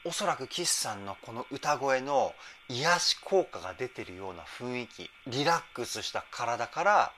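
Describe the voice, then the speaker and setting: Animated, bright-voiced male vocal coach. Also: unhurried, hardly any pauses, slight background noise. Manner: enthusiastic, breaks into sung demos and falsetto examples. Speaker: vocal trainer. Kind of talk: reaction and vocal analysis commentary.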